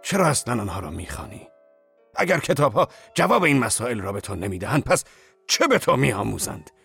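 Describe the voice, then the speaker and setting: A man voicing a rough, passionate older male laborer who asks blunt, demanding questions. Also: low-pitched, dry recording, faint music behind, exaggerated voice. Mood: exasperated.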